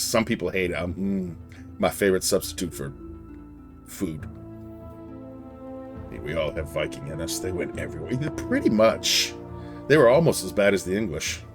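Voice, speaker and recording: Low-voiced man chatting on a game stream. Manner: rambling, digressive, answers chat. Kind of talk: casual chat while livestreaming a game.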